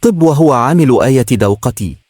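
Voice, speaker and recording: A man's voice: medium pitch, expressive, a little fast, a little mellow, no echo, studio quality, pitched above the performer's own voice, lightly acted. A man voicing a polite young Egyptian woman. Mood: worried. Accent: Egyptian Arabic. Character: polite, reserved young female student.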